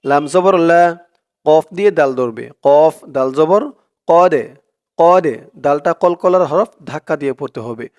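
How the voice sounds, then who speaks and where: A man teaching Quran recitation in a tajweed lesson. He spells out each letter and vowel mark in a Bangladeshi Bengali accent, then chants the verse slowly and drawn out. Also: a little high, a little mellow, clean tone.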